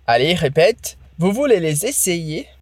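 A French teacher gives a language lesson, modeling phrases slowly and carefully so the listener can repeat them. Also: mid-range voice, sing-song, dry recording, clean studio sound.

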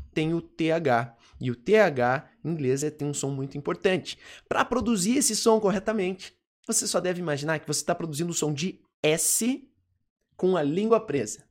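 An English teacher with a Brazilian Portuguese accent, giving a lesson slowly and deliberately and repeating example phrases several times. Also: mid-range voice. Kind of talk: online language lesson.

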